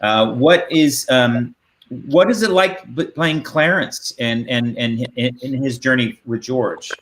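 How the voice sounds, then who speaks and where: A man hosts an interview over a video call, asking questions in a casual, rambling manner. His mid-range voice is a bit bright and slow-paced, and faint noise is present on the call.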